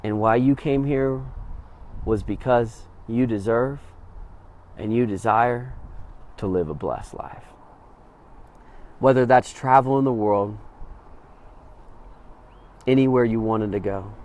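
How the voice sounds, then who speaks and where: A man speaking to an audience, telling a personal story and then urging listeners on, swinging between hushed and emphatic. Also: medium pitch, slow pace, pauses often. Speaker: motivational speaker. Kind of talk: inspirational talk to an audience.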